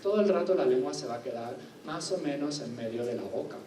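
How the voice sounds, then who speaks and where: In a lecture hall, a man delivers a university lecture at a fast, animated clip, his medium-pitched voice mellow as he explains things step by step and checks in with rhetorical questions. The recording is echoey and distant, with faint ambience and a little hiss or hum.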